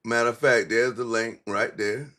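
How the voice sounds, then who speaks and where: A man's voice: medium pitch, fairly even intonation, moderate pace, sharp tone. A man hosting a livestream, giving blunt, profane, mocking commentary in casual street talk.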